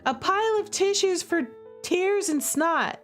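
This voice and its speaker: With a very high, slightly bright voice, a woman streamer talks unhurriedly through her own gameplay. Her chat is playful, giggly and emphatic, peppered with "okay?" and "all right?", and music runs underneath.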